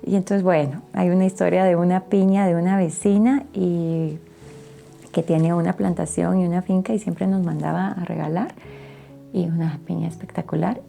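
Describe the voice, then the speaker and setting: A woman's voice: lowish voice, steady tone, moderate pace, creaky, dark tone, faint music behind. A woman giving a personal faith testimony, telling her story earnestly and emotionally and often checking in with tag questions. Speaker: testimony guest.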